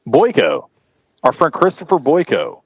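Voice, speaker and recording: Male host, joking around with silly accents, mid-pitched voice, dry close sound. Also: wildly swooping pitch, unhurried, slightly rough, dry recording. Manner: jokey, puts on mock accents, announces guests. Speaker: podcast host. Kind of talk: casual chat.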